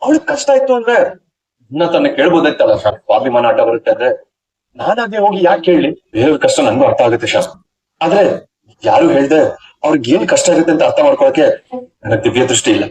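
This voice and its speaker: A young actor playing a blunt, teasing husband who pries and mocks in a TV serial. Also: male voice, mid-range voice, sing-song, fast, darkish tone, lightly acted. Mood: irritated. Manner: blunt, teasing, mock-serious. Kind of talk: TV serial acting. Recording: dull lo-fi TV audio.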